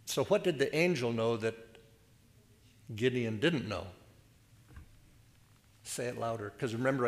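An older man preaching in a church, reading scripture and musing aloud in a conversational, wry way with self-deprecating asides. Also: mid-range voice.

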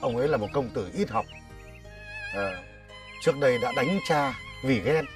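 Người cha điềm đạm giọng miền Bắc trong phim hài truyền hình, giọng biểu cảm, ngữ điệu linh hoạt. Tiếng nhạc khá rõ và âm thanh vọng từ xa. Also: male voice, medium pitch, normal speed. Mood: reflective. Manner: calm, reflective, gently lecturing. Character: wise older father, calm and forgiving. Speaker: actor in a TV comedy series. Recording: distant mic, music behind.

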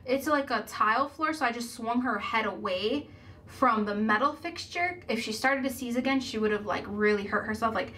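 Bright-voiced young woman rambling a story. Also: on the high side, animated, moderate pace, a little hiss or hum. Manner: rambling, filler-heavy, lots of "like"; breathless, dramatic retelling. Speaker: makeup vlogger. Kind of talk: casual storytelling while doing makeup.

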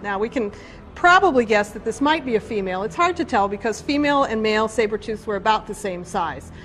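A woman's voice: mid-range voice, lively intonation, fairly quick, a bit bright, faint music behind, poor audio. A middle-aged woman explaining things as an expert interviewee in a nature documentary. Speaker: paleontologist interviewee.

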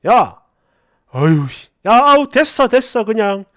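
A woman voicing an irritable young man who snaps and shouts defensively. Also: fairly high pitch, sing-song, slow, heavily acted. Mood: exasperated. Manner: barking, defensive outbursts.

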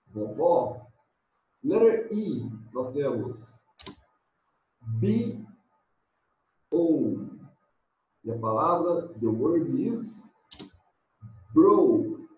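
A man's voice: fairly high pitch, dark tone, roomy sound, distant mic, highs cut off. A man with a Brazilian Portuguese accent, teaching English words to young children in a recorded home lesson and spelling them out letter by letter.

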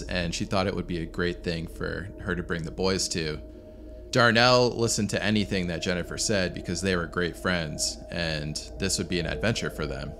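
A man reading a scripted true-story narration in a measured, serious way. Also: sits low, fairly bright tone. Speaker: channel narrator. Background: faint background music.

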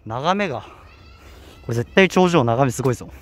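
A man's voice: medium pitch, lively intonation, moderate pace. A young man with a Kanto accent talking casually while walking a hilly campus outdoors, slightly out of breath and often correcting himself. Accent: Kanto Japanese. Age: young adult. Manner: rambling, self-correcting, chatty. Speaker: vlogger. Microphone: handheld camera.

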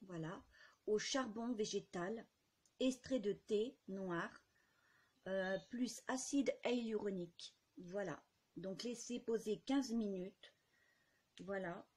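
A woman's voice: mid-range voice, slow, a little mellow, breathy edge. A woman vlogger chatting casually through a shopping haul, hesitant, with many fillers, and unsure when pronouncing product names.

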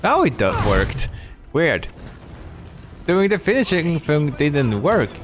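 A man's voice: on the high side, very animated, takes it slowly, background noise. A man commenting casually and playfully while playing a video game. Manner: casual, playful remarks over gameplay. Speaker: gaming channel host. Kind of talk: let's play commentary.

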